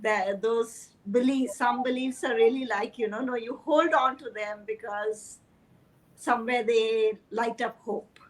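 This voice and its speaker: Higher-voiced woman, thoughtful guest. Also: measured pace, low-quality recording. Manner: thoughtful, hesitant with fillers. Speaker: life coach guest. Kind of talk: casual interview chat.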